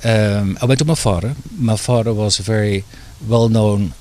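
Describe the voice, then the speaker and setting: A man's voice: fairly low pitch, fairly even intonation, normal speed, a little mellow. A middle-aged man from the Netherlands, speaking as an interview guest in a hesitant way, with many fillers and restarts. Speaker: guest, author and doctor.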